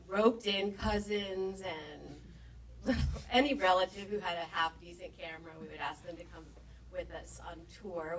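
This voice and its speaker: Middle-aged actress guest, anecdotal and chatty, heard from a distance with faint hiss, event hall. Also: female voice, medium pitch. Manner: chatty anecdotal storyteller, acts out quotes. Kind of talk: storytelling Q&A answer.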